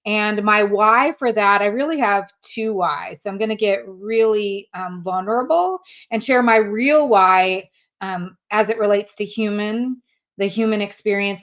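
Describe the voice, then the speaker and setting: A native German-speaking woman in her fifties, a guest sales trainer, laughs frequently as she talks openly in a relaxed interview. Her voice is medium-pitched, and the recording loses the high frequencies.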